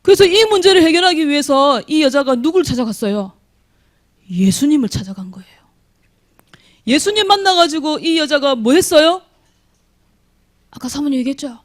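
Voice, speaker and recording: A woman's voice: high-pitched, expressive, moderate pace, long pauses. A woman preaching a sermon to young people, often quizzing her listeners with questions and acting out heartfelt prayers. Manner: acts out dramatic prayers. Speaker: youth preacher. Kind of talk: children's sermon.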